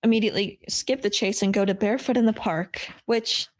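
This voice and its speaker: A woman's voice: mid-range voice, a little fast. A woman hosting a casual film podcast over a remote call, chatty and enthusiastic. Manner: chatty, enthusiastic, laughs often. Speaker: podcast host.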